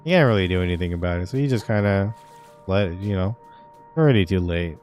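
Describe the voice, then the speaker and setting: A young man whose first language is Vietnamese chats casually on a gaming stream, telling stories in a loose, rambling way full of "like" and "uh." His voice is low-pitched, fast and a little mellow, with faint game music in the background.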